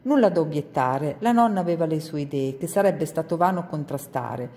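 Low, mellow woman reading a story. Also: long reverb tail. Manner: calm, measured storytelling. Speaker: reader. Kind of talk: reading a children's book aloud.

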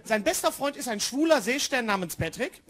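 A woman's voice: a little high, expressive, a little fast, fairly bright tone. A woman doing chatty stand-up comedy, talking straight to the audience.

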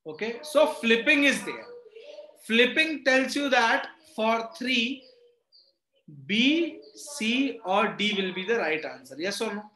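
A man with a very high, pushed and bright voice speaks expressively and slowly, with a little hiss or hum and roomy echo. He has a North Indian accent and teaches an interactive online reasoning lesson, mixing Hindi phrases into his English. He repeatedly checks that students follow with short questions.

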